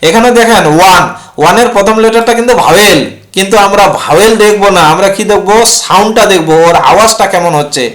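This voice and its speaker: Here a man talks fast in a high, fairly bright voice while teaching English grammar. He keeps asking questions and supplying the answers himself, repeating points as he lays out the rules for the class.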